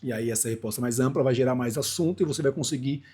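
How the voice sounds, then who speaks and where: Brazilian guy in his 40s, husky dark voice, talks through a speaking lesson casual and loose. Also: mid-range voice, fast talker. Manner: conversational, loose, rambling with restarts and asides. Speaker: speaking coach.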